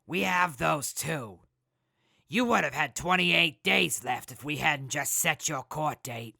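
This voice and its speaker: Woman acting a very creaky, gravelly jail guard. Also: deep voice, slow pace, sharp tone, no room sound, clean studio sound, exaggerated voice. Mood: matter-of-fact. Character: wary, by-the-book jail guard, obtuse and casual. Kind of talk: audio drama acting.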